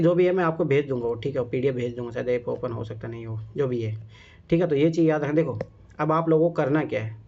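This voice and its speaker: A man's voice: a little high, a little mellow. Emphatic male teacher, lo-fi recording. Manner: emphatic, repeats "theek hai?" and "samajh mein aaya?". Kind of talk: casual classroom lecture. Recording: dull lo-fi classroom recording.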